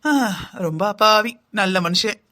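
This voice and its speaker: A man's voice: high-pitched, a little slow, bright, forceful tone, heavily acted. A man voicing a lazy, scheming young wife in a cartoon, whining and complaining in long sing-song lists. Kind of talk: cartoon voice acting.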